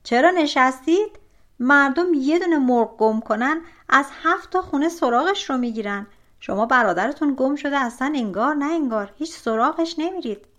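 A woman voicing a stern old king who loudly scolds his sons in a storybook reading. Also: high voice, expressive, voice pushed up. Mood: scolding. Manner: reproachful, loud scolding.

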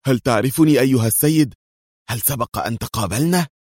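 A man with a medium-pitched, brisk voice performs a bewildered, polite captive. The dry, studio-quality recording has him pitched a bit above his natural voice, though still close to an everyday sound.

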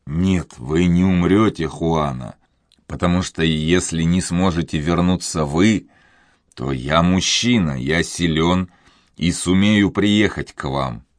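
A man voicing a tender young nobleman in love, speaking in a hushed, trembling, earnest way. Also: low-pitched, takes it slowly, no room sound, studio quality.

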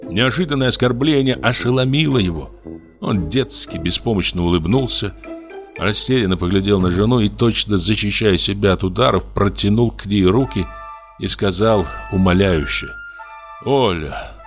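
A man reads a literary story aloud in a measured, expressive audiobook style. His voice sits on the low side, and soft music plays faintly underneath. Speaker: audiobook reader.

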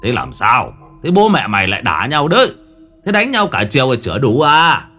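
A man voicing a gruff, impatient old village grandfather who barks and scolds. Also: medium pitch, wildly swooping pitch, a little fast, faint music behind, full character voice. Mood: gruff scolding. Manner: barking, scolding shouts.

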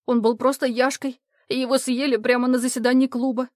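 Woman voicing a grieving plump woman, tragic, slow, drawn-out, dry studio sound. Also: sits high, flat delivery, a little mellow, no echo, natural voice. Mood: lamenting.

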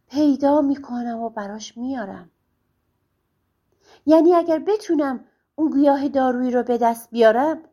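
A woman's voice: sits high, dark tone, lo-fi sound. A woman voicing a devoted young wife who speaks earnestly and tenderly, in a storybook reading.

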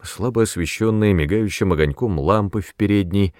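A male narrator with a very deep voice reads a literary novel aloud, measured and expressive. The sound is dry and close, with no room around it. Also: no room sound. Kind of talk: literary audiobook reading.

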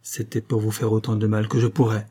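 Storybook role: a man reading as a contrite married woman, pleading and hesitant, mellow and husky. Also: fairly low pitch, little pitch movement, brisk, natural voice. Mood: remorseful.

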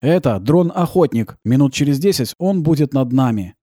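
A man voicing a calm, laconic male driver in an audiobook, answering slowly and flatly. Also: medium pitch, no room sound, clean studio sound, natural voice. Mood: steady warning. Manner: calm, slow, unhurried replies.

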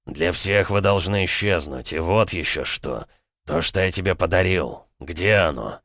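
A man's voice: low voice, measured pace, a bit bright, no echo, clean studio sound, heavily acted. A man voicing a stern older prince who gives curt, menacing commands to his son. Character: stern, cold older male prince, a father.

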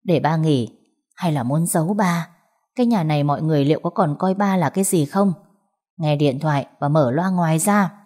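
A woman's voice: low-pitched, normal speed, warm tone. A woman voicing a stern elderly father who speaks curtly and gives orders. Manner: curt, commanding.

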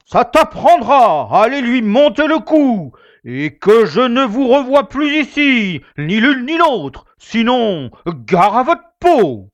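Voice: mid-range voice, sing-song, moderate pace, highs cut off, natural voice. A voice actor playing a pale, threatening male shopkeeper who speaks curtly in an audiobook drama. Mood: menacing. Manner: curt and menacing.

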